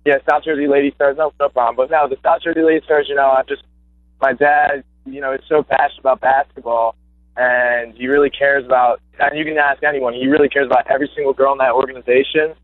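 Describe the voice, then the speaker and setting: This casual phone interview features a young adult male guest, formerly a high school basketball player, who talks quickly and eagerly with many fillers and restarts. His pitch is medium and hardly varies. The recording is dry, coming through a tinny phone line.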